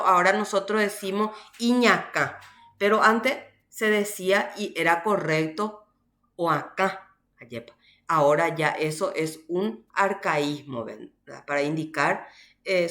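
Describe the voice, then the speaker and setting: A woman teacher from Paraguay giving a university language class, explaining slowly and often checking with "¿verdad?". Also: medium pitch, fairly bright tone, echoey room. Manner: slow, explanatory, frequent "¿verdad?" tags. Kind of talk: online class lecture.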